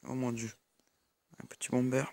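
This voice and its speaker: Man, young, gameplay commentary, monotone, halting, lots of fillers. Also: medium pitch, vocal fry, dry recording. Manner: hesitant, many fillers and restarts. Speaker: gaming YouTuber.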